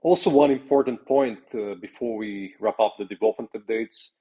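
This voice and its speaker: Halting, low-voiced man giving formal updates. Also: dark tone, slightly rough, lo-fi sound. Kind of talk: semi-scripted development update.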